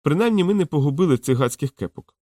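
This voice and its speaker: A man's voice: fairly high pitch, expressive, mellow, no room sound, pitched above the performer's own voice. A man doing a glib young thief. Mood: wry. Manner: quick, glib, exclamatory. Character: quick-witted young male thief, glib talker.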